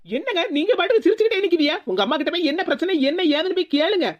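A woman voicing a young, quick-tempered daughter-in-law in a cartoon, speaking with a Tirunelveli Tamil accent. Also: extremely high pitch, expressive, muffled recording. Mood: complaining. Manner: complaining, rapid, demanding. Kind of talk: cartoon voice acting.

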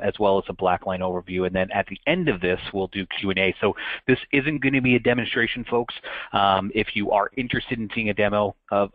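Heard through dry, muffled web-call audio with no echo is a fairly low male voice. He's a Canadian channel account manager in his thirties presenting a webinar, chatting loosely with plenty of fillers and restarts.

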